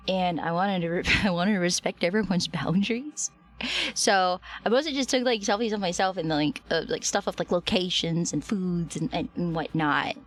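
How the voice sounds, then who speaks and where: A woman livestreamer chatting casually and affectionately with her viewers, her voice slightly strained and recovering. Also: mid-range voice.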